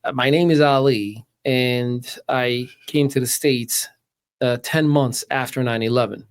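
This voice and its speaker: A man's voice: mid-range voice, fairly even intonation, measured pace, clean tone. Man hosting, full of restarts. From Morocco. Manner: hesitant, many restarts and fillers, engaged. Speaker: podcast host. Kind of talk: conversational interview.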